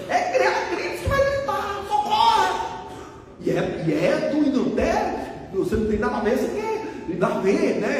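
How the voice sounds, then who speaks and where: A man's voice: high voice, darkish tone. A man preaching a sermon to his congregation, emphatic and conversational as he speaks to them directly. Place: church. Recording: echoey hall from far off, faint noise.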